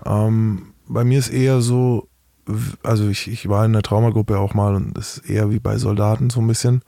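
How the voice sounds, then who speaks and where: A man's voice: lowish voice, steady tone, moderate pace, creaky, dark tone, no echo, clean studio sound. A middle-aged man speaking as an interview guest, talking frankly and matter-of-factly in a casual interview.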